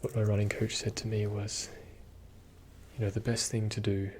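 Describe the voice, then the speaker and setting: A man giving a soothing, reassuring ASMR pep talk in a soft-spoken, often whispered voice, slow and deliberate. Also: fairly low pitch, little pitch movement, slight background noise. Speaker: ASMR video host.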